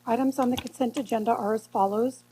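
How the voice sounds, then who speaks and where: Woman reading council agenda, husky. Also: fairly high pitch, rough recording. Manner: steady, measured reading of numbers and resolutions. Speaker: city clerk reading the agenda. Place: council chamber.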